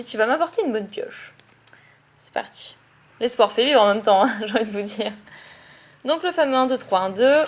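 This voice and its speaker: Excitable chatty woman, high voice. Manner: chatty, excitable, giggly, self-correcting. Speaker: YouTuber opening trading card packs. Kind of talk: casual card-opening vlog.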